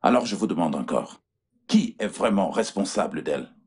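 A man playing a serious hospital doctor in a dubbed film, explaining things slowly and patiently. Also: deep voice, big pitch swings, darkish tone, breathy edge, full character voice. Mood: grave. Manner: measured, explaining.

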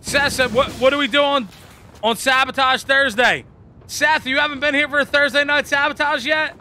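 Excitable high-voiced male game streamer. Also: normal speed, soft background music. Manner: excitable, hyping up chat. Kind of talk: live gameplay commentary.

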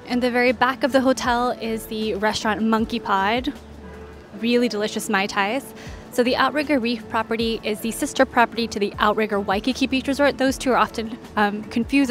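On the high side, the voice belongs to a woman who guides travelers and hosts a vlog. She narrates a walking tour casually and informatively, keeping it conversational and pointing things out in an orderly way.

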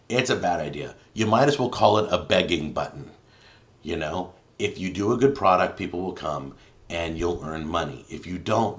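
A deep-voiced man hosting a live stream from a home studio. He talks in a loose, opinionated way, pushing hard on some words and then dropping to a mutter as he scrolls through viewer comments. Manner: opinionated, emphatic, swings between loud and muttering. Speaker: YouTube cooking show host.

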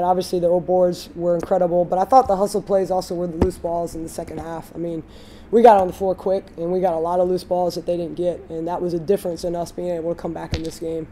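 A woman in her thirties, a head coach giving a candid postgame interview, speaking in a measured way with frequent fillers. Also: on the low side, dark tone, slight background noise. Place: studio backdrop, indoors.

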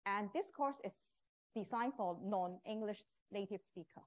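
Speaking at a normal speed in a mid-range voice, a Cantonese-accented professor who teaches communication presents live to prospective students. She is a non-native English speaker and makes minor grammatical errors.

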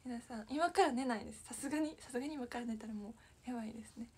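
A woman's voice: on the high side, rapid-fire. A young woman idol chatting casually on a livestream, apologetic and giggly, answering viewer comments. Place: small room with echo.

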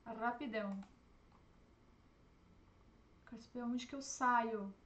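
A young woman, streaming herself playing a game and reacting with excitable, panicky outbursts. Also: a little high, slow, muffled recording, slight background noise. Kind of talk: live gameplay commentary.

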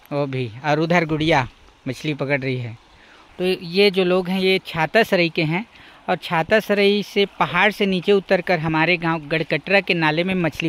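A man's voice: on the high side, a bit bright. A young man narrating a vlog outdoors at a forest stream, explaining step by step what he shows the viewer. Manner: explanatory, points things out to the viewer. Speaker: vlogger.

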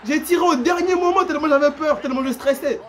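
Excitable high-voiced gamer. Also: male voice, fast, a little hiss or hum. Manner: excitable, slangy, repeats himself, bursts into shouts and laughs. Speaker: gaming YouTuber. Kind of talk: live gameplay commentary.

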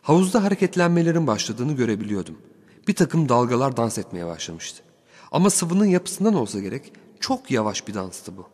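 A man narrating a first-person story as an audiobook, in a steady, wry way. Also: mid-range voice, brisk, slightly rough, big-room sound.

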